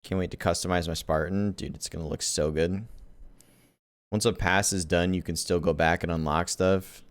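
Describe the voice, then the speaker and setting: A man chatting excitedly as he reacts to a game trailer, loose and slangy. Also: low-pitched, moderate pace, clear, resonant tone, no room sound. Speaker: gaming YouTuber. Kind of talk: casual reaction commentary.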